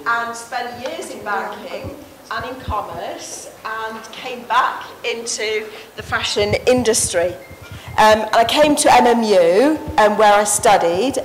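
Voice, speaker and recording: A woman's voice: mid-range voice, measured pace, low-quality recording. Woman, forties, conference presenter, handheld mic, passionate, faint hiss. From Sri Lanka. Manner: earnest, passionate speaker. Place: conference stage indoors.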